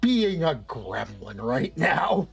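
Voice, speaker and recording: A man's voice: on the high side, sing-song, slow, creaky, faint music behind. A man playing a tabletop game over an online voice call, his audio glitchy, robotic and cutting out as he wryly narrates his character. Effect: glitchy, robotic, breaking-up online call audio. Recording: choppy, cutting-out internet call.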